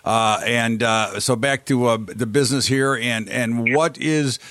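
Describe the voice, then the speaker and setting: A man's voice: medium pitch, steady tone, measured pace, a bit bright, dry recording. Hesitant man over sixty hosting. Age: 60s. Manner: hesitant, filler-heavy questions. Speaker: host. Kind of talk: radio interview.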